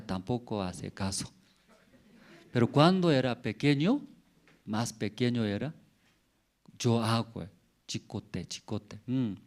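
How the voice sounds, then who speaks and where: A middle-aged man with a Korean accent preaching a sermon in simple, broken phrasing, checking in with frequent rhetorical questions and "mm?" tags. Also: medium pitch. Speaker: pastor.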